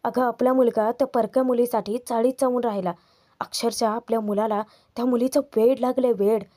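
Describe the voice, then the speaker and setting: A woman's voice: a little high, fairly even intonation, brisk, warm tone, natural voice. A woman voicing a stern father who reasons urgently with his wife.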